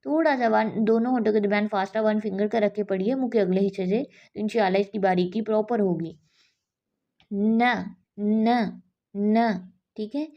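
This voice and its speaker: A woman teaching Quran recitation in an online lesson, slowly and patiently drilling each sound with many repetitions. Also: mid-range voice, highs cut off.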